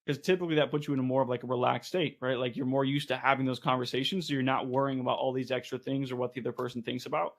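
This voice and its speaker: A man's voice: mid-range voice, flat delivery, racing, vocal fry, hardly any pauses. A man who leads a sales team, in a casual podcast conversation, explaining things step by step with lots of "like" and "right".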